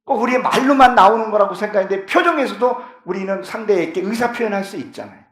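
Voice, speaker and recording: A man's voice: sits high, fast, a bit bright. A middle-aged male pastor preaching a sermon in a church, fervent and at times pleading. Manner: fervent, rising to impassioned pleading in prayers. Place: church sanctuary. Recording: echoey church hall.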